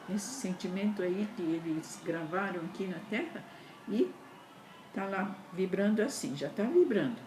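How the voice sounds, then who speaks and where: A woman giving an earnest, repetitive spiritual talk, often ending phrases with a questioning tag. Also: mid-range voice. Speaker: spiritual speaker. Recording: roomy echo with steady background noise.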